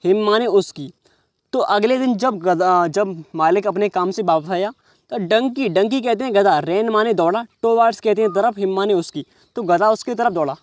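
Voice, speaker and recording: A man with a high-pitched voice leads an English reading lesson without any echo in the recording. He reads the words slowly, explains each in Hindi, and often pauses to ask "समझ रहे हो".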